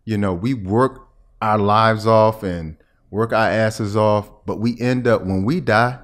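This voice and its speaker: A middle-aged American health expert, appearing as a podcast guest, speaks slowly in a low-leaning voice. Seated at a table in a small indoor room and speaking into a podcast mic on a boom arm, he explains his points conversationally and checks that the listener is following.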